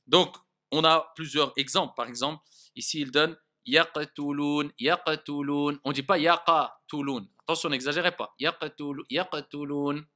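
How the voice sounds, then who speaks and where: A man's voice: fairly high pitch, fairly even intonation, normal speed, bright, forceful tone. A man teaching a Quran recitation lesson in a classroom style. He speaks patiently, demonstrates sounds aloud and checks often that his students understand.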